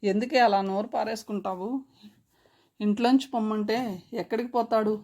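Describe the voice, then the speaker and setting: A soft-hearted older village aunt, voiced by a woman reading aloud, gentle and protective in her words. Her voice sits at an ordinary pitch, in the plain tone of a storybook reading. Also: fairly even intonation, normal speed, lightly acted. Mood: fond.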